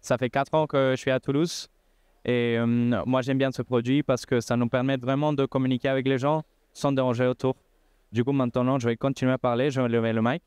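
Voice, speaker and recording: A man's voice: medium pitch, little pitch movement, brisk, a little mellow, clean tone, dry recording. A man in his twenties from Costa Rica, demonstrating a product in a casual way and often saying filler words. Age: 20s. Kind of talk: casual demo talk.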